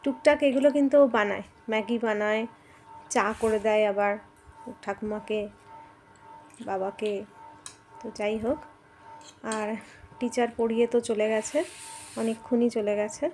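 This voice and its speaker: A woman's voice: fairly high pitch, steady tone, normal speed, pauses often, darkish tone, faint music behind. A middle-aged woman chatting casually to viewers in a home vlog, addressing them as friends. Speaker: vlogger. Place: home rooms.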